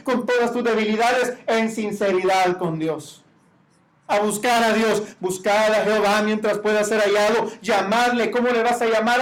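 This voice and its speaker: High-voiced man preaching a sermon. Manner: preaching with rising shouted emphasis on quoted cries. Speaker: pastor.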